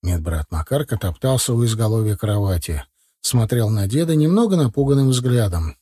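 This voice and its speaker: A man narrating an audiobook in a lively storytelling manner. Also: on the low side, moderate pace, breathy edge, no room sound, studio quality.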